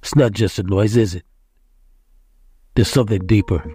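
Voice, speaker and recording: A man's voice: fairly low pitch, moderate pace, warm tone, close to an everyday voice. A man doing a probing hard-nosed detective. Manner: clipped, pressing questions. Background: music bed.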